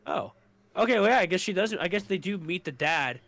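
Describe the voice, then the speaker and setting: A young man co-hosting a podcast, recapping a show in a loose, rambling way, swearing a lot and filling pauses. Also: sits high, animated, a bit bright, no room sound. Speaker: podcast co-host. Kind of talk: casual recap chat.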